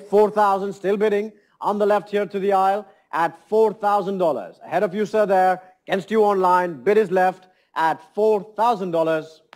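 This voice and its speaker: A fine art auctioneer with a high-sitting, slightly mellow voice calls bids and repeats prices in polished, courteous patter. He addresses a saleroom filled with seated bidders and phone lines.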